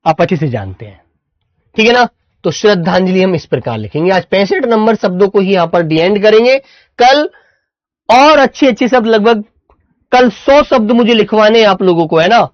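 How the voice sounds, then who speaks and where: A male Hindi teacher giving an online class, slowly dictating words and calling his students "beta" and "my dear children.". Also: high voice, no room sound, lo-fi sound.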